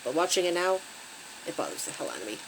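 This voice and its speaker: A woman's voice: low-pitched, wildly swooping pitch, fast talker, creaky, noisy background. A woman hosting her channel, recapping a creepy story with wry, conversational asides. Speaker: channel host and story reader.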